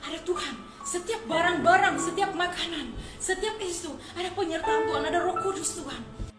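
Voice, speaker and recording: A woman's voice: very high voice, moderate pace, music in the background. Fervent woman pastor, echoey clip. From Malaysia, born in Johor. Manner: fervent, devotional. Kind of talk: preaching testimony.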